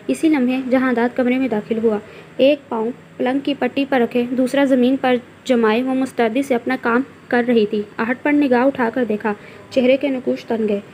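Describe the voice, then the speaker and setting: A woman's voice: high-pitched, a little mellow, slight background noise. Woman narrating a novel aloud. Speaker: story narrator.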